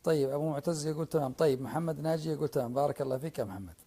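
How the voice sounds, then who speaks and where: Sheikh, male, lecturing online: gravelly, husky, talks straight to his listeners. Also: fairly high pitch, rapid-fire, mellow. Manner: earnest preaching, addresses listeners directly, repeats names for emphasis. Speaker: sheikh giving a religious lecture. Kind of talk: religious lecture to an online audience.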